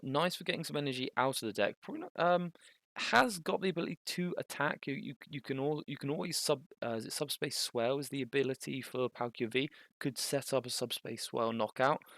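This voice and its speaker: Gravelly man commentating a card match. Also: medium pitch, no room sound, studio quality. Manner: casual, thinking aloud, bursts of excitement.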